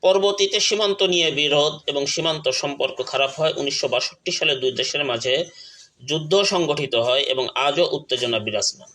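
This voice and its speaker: A man running an online channel speaks a little fast in a slightly high, bright, forceful voice, giving an earnest political talk to camera. Stammers and restarts interrupt him occasionally as he emphasizes every example, over poor audio.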